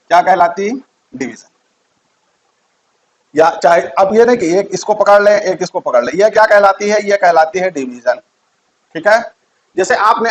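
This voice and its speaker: A man's voice: sits high, low-quality recording. A man giving a physics lesson, repeating key terms and quizzing his students. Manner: repeats key terms, asks quiz questions. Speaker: teacher.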